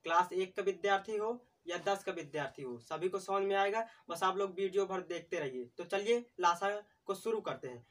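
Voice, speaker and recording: In a classroom-style lesson at a board, a man teaches math, answering his own questions, repeating key terms, and calling his viewers friends over and over. His high, fairly bright voice moves fairly quickly with hardly any pauses, and he is far from the mic.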